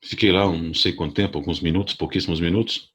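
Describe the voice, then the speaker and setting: A man with a southern Brazilian accent telling a personal story to a parish audience in a conversational, halting way. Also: low-pitched, steady tone, fairly bright tone, husky. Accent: southern Brazilian Portuguese. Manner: conversational, halting restarts, addresses audience directly. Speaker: lay speaker at a parish gathering.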